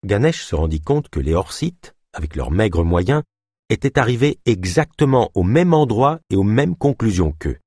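A male audiobook narrator reads a novel in a measured way, with a fairly low voice that rises and falls a great deal. The sound is close and dry, with no room around it. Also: breathy edge, no room sound. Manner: measured, expressive reading. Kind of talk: scripted narration.

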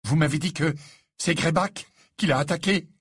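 A man's voice: a little high, slow pace, slightly rough, no echo, clean studio sound, pitched above the performer's own voice, full character voice. A man voicing a shaken, dismayed middle-aged father asking anxious questions.

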